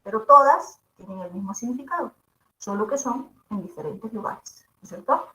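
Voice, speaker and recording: A woman teacher, giving a linguistics lecture in a lively way and asking her class rhetorical questions often. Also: a little high, normal speed, slight background noise. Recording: echoey room.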